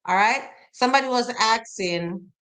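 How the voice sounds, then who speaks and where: A woman's voice: on the high side, normal speed, pushed and bright, poor audio. A woman with a Jamaican accent hosting a casual interview, friendly, putting viewers' questions to her guest with some hesitation. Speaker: host, teacher.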